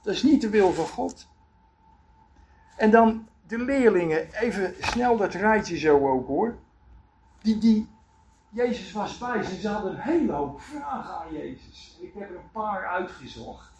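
Man, preacher, sermon, high voice, far from the mic, roomy echo. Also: unhurried. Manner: lively, animated storytelling with acted quotes. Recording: echoey room, voice from far off.

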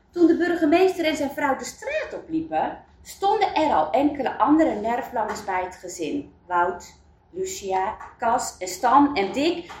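A woman reading a children's story aloud, in an expressive storybook manner. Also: fairly high pitch. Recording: roomy, distant mic.

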